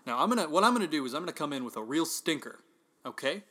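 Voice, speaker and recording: A man's voice: on the high side, sing-song, racing, pushed and bright, slightly rough, heavily acted. A man playing a dad who can't stop telling corny jokes, rambling with fillers. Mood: playful. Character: corny joke-telling dad, self-styled family clown.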